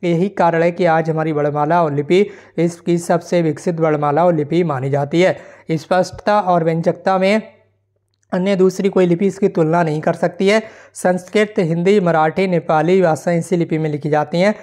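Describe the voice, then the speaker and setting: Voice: mid-range voice, fairly even intonation, moderate pace, darkish tone. Patient online teacher going through model answers. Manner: explanatory, reads questions aloud and checks in with frequent "theek hai". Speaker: exam-prep teacher. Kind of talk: online exam-prep lesson reading model answers.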